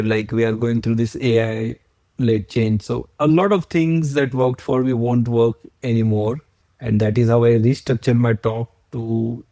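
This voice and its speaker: A man in his forties from India, speaking with an Indian accent, appears as a podcast guest and agency founder. His mid-range voice is mellow, with no echo. He explains his points earnestly, step by step, using examples.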